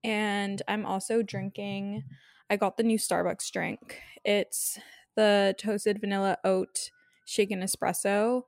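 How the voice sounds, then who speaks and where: A woman's voice: mid-range voice, level tone, takes it slowly, gravelly, darkish tone, dry recording, clean studio sound. A woman hosting a casual solo podcast from her bed, chatting informally with girly slang. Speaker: podcast host. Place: on a bed indoors.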